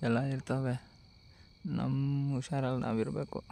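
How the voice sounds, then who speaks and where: A man's voice: mid-range voice, level tone, measured pace, creaky. Nervous man ghost hunting in a forest. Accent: Kannada. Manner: alternates hushed asides with loud shouted calls into the dark. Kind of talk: night ghost-hunting vlog. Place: forest at night, outdoors.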